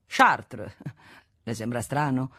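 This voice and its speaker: A woman's voice: very deep voice, animated, slow pace, fairly bright tone, husky, no echo, pitched below the performer's own voice, exaggerated voice. A woman voicing a brusque middle-aged merchant, curt and impatient, in a literary audiobook. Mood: dismissive.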